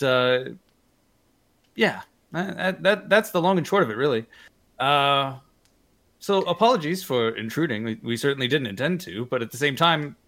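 A man's voice: a little high, a bit bright. A man chatting casually as a player in a tabletop roleplaying game, explaining things politely and hesitantly. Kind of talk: casual in-character game chat.

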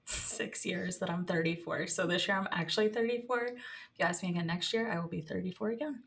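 A woman's voice: fairly low pitch, fairly quick, vocal fry, crowd noise. A woman in her thirties from New York, chatting on a podcast in a bubbly way and laughing often. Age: 30s. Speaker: podcast co-host. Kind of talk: casual chat.

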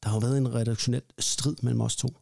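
Man, casual radio host, gravelly, stumbles and hesitates a lot. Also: mid-range voice, little pitch movement, warm tone. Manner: hesitant, many fillers.

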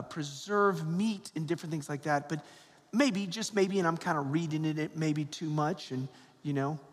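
A high-voiced, husky priest from Georgia in the US reads the gospel slowly and deliberately, then moves into a chatty homily sprinkled with "right?" asides. He's in a large church, and the recording carries a long cathedral reverb.

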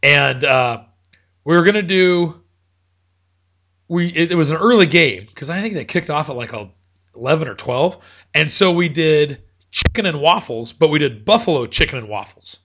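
A man with a slightly high voice hosts a loose, rambling sports chat, often stopping to correct himself. He has the hiccups. The sound is dull and lo-fi. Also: lively intonation, normal speed, fairly bright tone. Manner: rambling, self-correcting, chatty. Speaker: podcast host.

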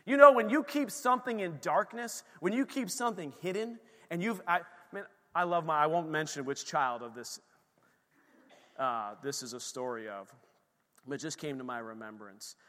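A male pastor preaching a sermon, moving between quiet, close storytelling and loud, fervent exhortation. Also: on the high side, animated, normal speed, long reverb tail.

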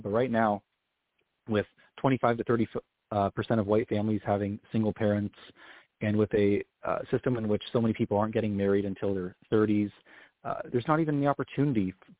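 A man's voice: lowish voice, no room sound. A man being interviewed as a political consultant, talking earnestly and often correcting himself mid-sentence. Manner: fast, earnest, self-correcting. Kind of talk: interview answer. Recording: dry, tinny phone-line sound.

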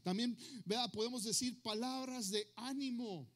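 A man's voice: very high-pitched, moderate pace. A male pastor preaching a sermon to his congregation, switching between two languages and asking the listeners questions. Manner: switches between Spanish and English, asks the crowd questions.

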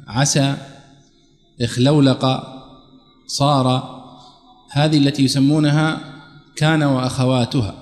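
A man teaching a religious text class, explaining each point in a measured, step-by-step way. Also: mid-range voice, a little mellow. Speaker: sheikh teaching a tafsir class. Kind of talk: classroom commentary lecture. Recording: echoey hall reverb.

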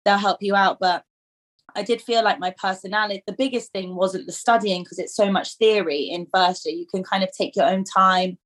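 A chatty woman in her twenties from England sits as a guest in a relaxed conversation. She talks in a loose, filler-heavy way, often laughing at herself. Her voice sits at an ordinary middle pitch. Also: brisk. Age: 20s. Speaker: dental student guest. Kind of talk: casual conversational interview.

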